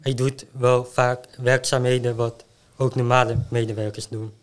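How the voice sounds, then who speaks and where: A young male student with a smooth, clear mid-range voice speaks bluntly and plainly. He tells stories about his internship casually and without fuss. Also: medium pitch, level tone, normal speed. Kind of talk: casual storytelling.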